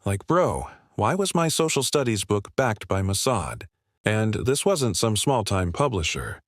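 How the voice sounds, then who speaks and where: A man's voice: on the low side, big pitch swings, a little slow, no room sound, clean studio sound. Sarcastic man in a slangy conspiracy rant. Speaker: comedic ranter. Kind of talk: scripted comedic monologue. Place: voice-over over gameplay.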